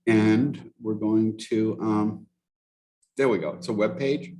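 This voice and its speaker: A man leading a teaching workshop as a casual live software demo, thinking aloud and correcting himself as he goes, heard over a video call. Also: on the low side, steady tone, slow.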